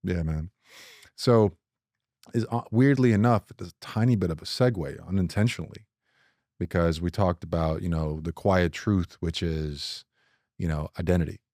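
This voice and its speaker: On a casual podcast, a middle-aged co-host from Nigeria shares personal stories, restarting often and letting his voice leap up whenever he jokes. He has a low voice and talks at normal speed. The recording is clean studio sound with no room sound at all.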